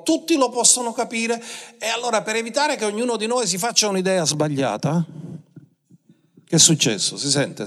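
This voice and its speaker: High-voiced preacher in a reverberant hall. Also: male voice, a bit bright. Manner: preaching with dramatic swings of pace and emphasis. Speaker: pastor. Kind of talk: sermon.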